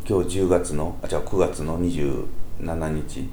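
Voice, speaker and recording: A man's voice: rumbling low, measured pace. A man with a Kansai accent, telling stories casually as a podcast host and acting out how people talk. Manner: animated, mimics people mid-story. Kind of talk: casual chat, storytelling. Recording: roomy echo, faint background noise.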